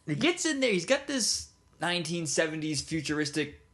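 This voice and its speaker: A man co-hosting a podcast adds short, casual comments to a recap. His voice is a little high for a man, and he laughs along easily. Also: sing-song, moderate pace, a bit bright. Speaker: podcast co-host. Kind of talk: casual chat.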